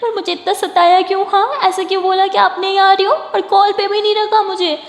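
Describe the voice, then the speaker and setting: Woman voicing pouting young woman, high voice, pleading, echoey reverberant room. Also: flat delivery, fairly quick. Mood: pouting, complaining. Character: sulky affectionate young woman.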